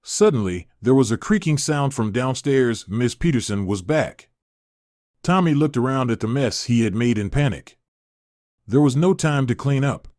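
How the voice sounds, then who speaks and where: A man reading a story aloud as scripted narration, in an even, measured way. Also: mid-range voice, dry recording, clean studio sound.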